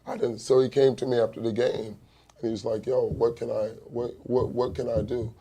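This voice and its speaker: A man, a youth basketball coach, telling stories in casual chat with an animated manner. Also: mid-range voice, normal speed, a little hiss or hum.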